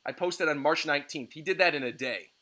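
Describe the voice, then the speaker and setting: A man in his late twenties hosts a relaxed online panel, reading fan submissions aloud. His voice is bright and sits a little high, and he laughs easily. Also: fast talker. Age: 20s. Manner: upbeat, laughs often, reads viewer entries aloud. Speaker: host. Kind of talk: casual livestream panel chat.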